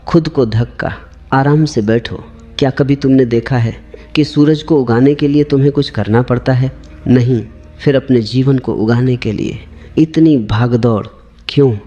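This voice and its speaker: Male spiritual teacher, mellow voice, calm repetitive discourse over faint music. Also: medium pitch.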